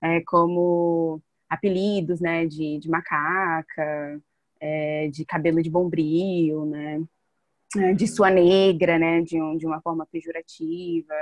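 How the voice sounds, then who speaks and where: A woman's voice: deep voice, flat delivery, slow, no room sound. A woman in her twenties sharing her story in an interview, talking hesitantly with many fillers. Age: 20s. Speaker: interviewee, education student. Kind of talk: testimony interview.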